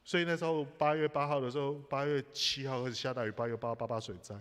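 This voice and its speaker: A man's voice: mid-range voice, steady tone, fast, fairly bright tone, smooth. A man preaching a sermon, telling personal stories with humor and asides to the congregation. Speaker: pastor. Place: church sanctuary. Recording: live church hall reverb.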